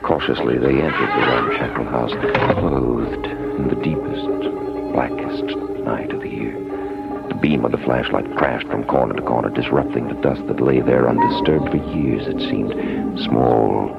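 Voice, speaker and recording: An actor playing an ominous horror narrator, gravelly and dramatic, lingering on words in scripted radio storytelling. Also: male voice, a bass voice, measured pace, heavily acted. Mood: eerie, dramatic. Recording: dull lo-fi radio broadcast. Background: loud music.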